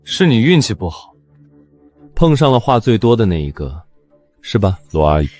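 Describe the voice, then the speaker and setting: A young actor playing a calm, confident heir who speaks in a measured, teasing way. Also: male voice, lowish voice. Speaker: male lead. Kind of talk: short drama acting. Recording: soft music underneath.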